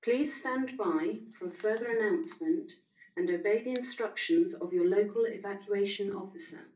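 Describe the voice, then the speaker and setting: A woman making a formal emergency announcement over a PA system as incident control officer, speaking in a measured, deliberate way. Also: medium pitch. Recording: echoey loudspeaker heard from far off.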